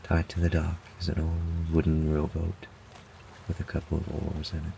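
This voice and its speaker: A man narrating a guided relaxation meditation in a calm, soothing, measured way, with long pauses. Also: extremely low pitch, gravelly, slight background noise.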